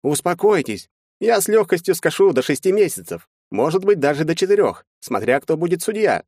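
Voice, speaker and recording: A man's voice: on the high side, sing-song, brisk, darkish tone, dry recording, studio quality, voice pushed up. A man reading an audiobook, voicing a slick middle-aged lawyer with a glib, falsely reassuring manner. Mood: smooth.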